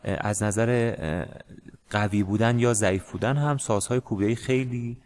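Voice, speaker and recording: A man teaching a music lesson in a casual, hesitant way, with many pauses and fillers. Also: lowish voice, darkish tone. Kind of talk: casual screen-share lesson.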